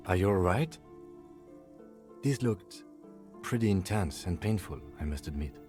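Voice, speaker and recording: An actor voicing a calm, dry detective partner in a video game, speaking in a measured, deadpan way. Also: male voice, low voice, music in the background.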